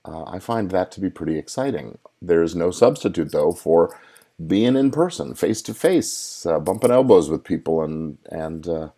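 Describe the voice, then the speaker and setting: Speaking in a deep, mellow voice, a middle-aged lawyer hosts his own live podcast alone from a conference hotel. He's casual and talkative, stumbling through many fillers and restarts.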